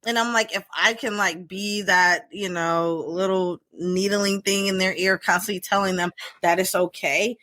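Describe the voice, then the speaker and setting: A middle-aged woman, a therapist co-hosting a podcast, chatting casually and telling stories with lively quoted asides. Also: mid-range voice, normal speed, dry recording. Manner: animated, storytelling with quoted asides. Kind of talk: casual chat.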